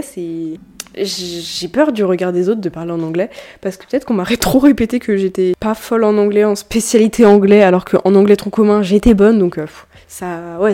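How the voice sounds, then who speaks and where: Chatty young woman, mellow voice. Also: medium pitch. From France. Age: about 19. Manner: chatty, rambling, frequent self-corrections. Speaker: podcast host. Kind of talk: casual solo podcast chat.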